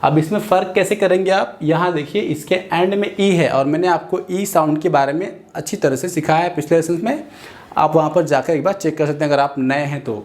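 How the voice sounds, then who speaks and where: A man with an Indian accent teaching English phonics in Hindi, sounding out words slowly syllable by syllable and repeating each one. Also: fairly high pitch, a little mellow. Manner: slow, syllable-by-syllable drilling. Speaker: English tutor. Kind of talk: phonics lesson, slow repetition.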